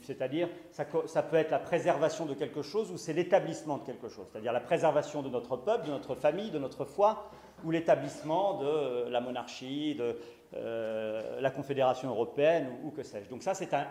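Lecturing in an echoey conference hall, a man speaks fairly quickly in a slightly high, mellow voice. He stumbles with restarts and fillers yet pushes hard on key words, rising emphatically on each.

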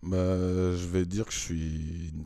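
A man's voice: low-pitched, flat delivery, slow, warm tone, no room sound, studio quality. A man in his thirties, a dancer and choreographer, chatting casually as an interview guest with easy laughs and hesitant fillers. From Congo, raised in Switzerland.

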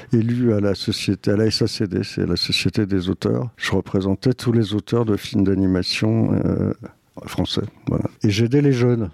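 Gravelly low older man. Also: no echo, studio quality. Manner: relaxed storytelling. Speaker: scriptwriter. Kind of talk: casual interview.

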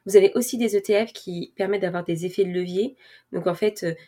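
A woman's voice: medium pitch, fairly even intonation, fast talker, dark tone. A woman vlogger talking casually to her viewers and explaining things step by step, with many fillers and restarts and the odd laugh at herself. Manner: self-mocking, laughs at herself. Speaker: personal finance vlogger. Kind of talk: casual explanatory talk to camera.

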